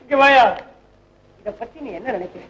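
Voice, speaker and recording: An actor playing a weepy, whining young rich heir in an old film comedy, talking in a sing-song whine. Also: male voice, extremely high pitch, moderate pace, a bit bright. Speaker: comic lead, a weepy rich young heir called minor. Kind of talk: 1960s film comedy acting. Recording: echoey old film soundtrack.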